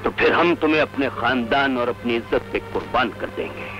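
An actor playing a stern, unbending landowner who speaks in a cold, menacing way, in 1980 film dialogue. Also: male voice, medium pitch, lightly acted. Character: stern male landowner patriarch, harsh and unbending. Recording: lo-fi old film soundtrack with music.

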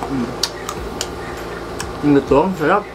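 Filipino woman vlogger speaking mid-bite while chewing mango, over loud room noise. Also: low voice, lively intonation, unhurried. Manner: talking with food in her mouth. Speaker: mukbang vlogger. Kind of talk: casual eating vlog chat. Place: indoor air-conditioned room. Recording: noisy room ambience.

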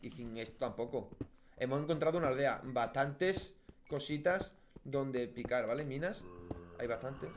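A man's voice: normal speed, a little hiss or hum. A man from Spain giving casual Let's Play commentary, chatting to himself and his viewers and yelping when things go wrong. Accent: Spanish from Spain. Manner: chatty, talks to himself and viewers, bursts into high yelps at deaths. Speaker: gaming YouTuber.

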